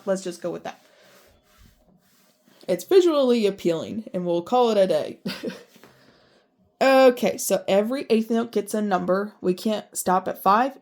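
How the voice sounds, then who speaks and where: This woman teaches music with a blocked-up, mid-range voice. As she explains how to read rhythms, she counts the beats in strict, even syllables, then chats and jokes at her own expense between counts.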